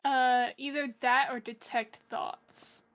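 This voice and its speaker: A woman's voice: high-pitched, level tone, slow pace, a bit bright. A woman chatting and laughing about a tabletop game, teasing her friends. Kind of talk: casual chat.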